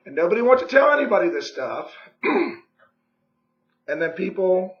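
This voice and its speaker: Hoarse man, high voice, pushy real estate pitch on a phone call, echoey dull room. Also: very animated, normal speed. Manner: persuasive, pushy, repeats "okay?" and "right?"; clears throat often. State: hoarse, losing his voice.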